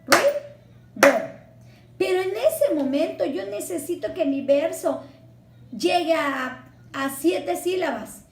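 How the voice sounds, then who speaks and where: A woman's voice: very high voice, slow, darkish tone, echoey room, a little hiss or hum. A woman teacher from Mexico, patiently explaining a Spanish lesson and spelling words out syllable by syllable. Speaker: secondary school Spanish teacher.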